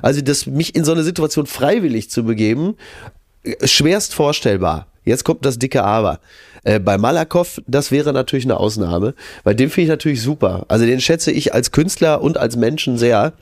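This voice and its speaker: A man's voice: mid-range voice, lively intonation, normal speed, no echo, clean studio sound. A man who is sick with a cough, co-hosting a podcast from his living room, chatting casually and rambling with restarts in a self-deprecating way. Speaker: podcast co-host. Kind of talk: casual chat.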